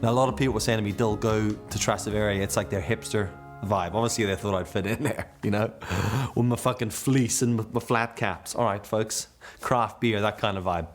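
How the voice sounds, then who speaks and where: A man's voice: on the low side, steady tone, moderate pace, faint music behind. A young man telling travel stories casually, swearing freely and chuckling as he goes. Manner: laid-back, swears freely, chuckles through anecdotes. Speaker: travel vlogger.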